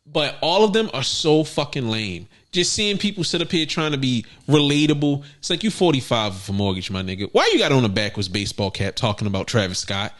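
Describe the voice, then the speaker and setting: A young man co-hosting a podcast, chatting casually with animated, profane storytelling. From United States. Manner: animated, profane, bursts into high exclamations. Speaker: podcast co-host. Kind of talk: casual chat.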